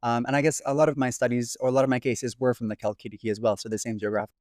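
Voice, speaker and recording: A young adult guest researching classics at the doctoral level responds to interview questions in a rapid-fire, level, darkish mid-range voice. Raised in Italy with an American accent, he is fluent but drops frequent "ums" and "sort ofs." There's no room sound, and the audio is studio quality.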